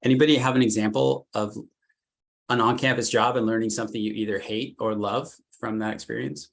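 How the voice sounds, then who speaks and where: A man's voice: lowish voice, steady tone, a little fast, gravelly. A middle-aged man giving a casual career workshop, chatty and loose, with lots of "like" fillers and repeated words. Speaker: workshop presenter, consultant.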